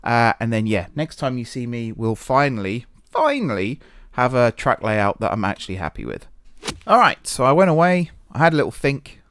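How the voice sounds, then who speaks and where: A man's voice: mid-range voice, very animated, normal speed, a bit bright, smooth. A man giving casual gameplay commentary, thinking aloud in a self-deprecating way, recorded in an echoey, sparsely furnished office. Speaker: gaming video host. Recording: echoey room with little furniture.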